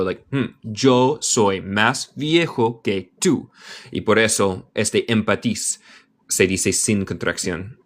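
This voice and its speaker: A man from Michigan, speaking Spanish as a second language with an American accent, patiently reading a story and explaining words in a slow bilingual lesson. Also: on the low side. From Michigan, United States. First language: English. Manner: patient, explains words aloud, thinks out loud. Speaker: language teacher.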